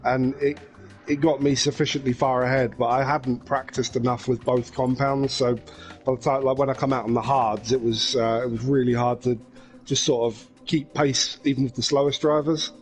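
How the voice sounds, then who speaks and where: A man's voice: mid-range voice, steady tone, normal speed, soft background music. A man explaining his race strategy in casual livestream chat, with hesitant fillers. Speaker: sim racing league driver.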